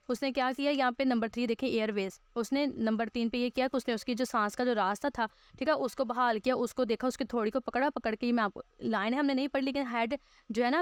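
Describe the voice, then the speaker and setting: A Pakistani woman teaching a school lesson, explaining slowly with fillers and repeating herself, mixing English textbook lines into her talk. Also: a little high, no room sound.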